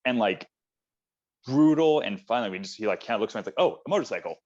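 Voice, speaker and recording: A man co-hosts a casual film chat, full of enthusiasm, rambling along with fillers. His voice sits fairly low. The audio is dull and lo-fi. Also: expressive, quick pace, darkish tone. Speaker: podcast co-host. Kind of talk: casual chat about films.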